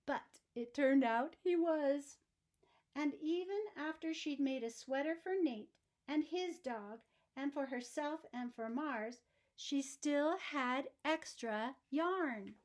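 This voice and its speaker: A high-voiced woman narrates a story for children at a slow, deliberate pace. Her reading is expressive, with emphasis tailored to young listeners.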